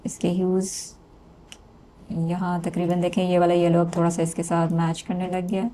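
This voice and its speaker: A woman calmly explaining a screen-recorded design tutorial step by step, with small hesitations. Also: fairly low pitch, normal speed, slight background noise. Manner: calm step-by-step explaining with fillers. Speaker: textile design instructor.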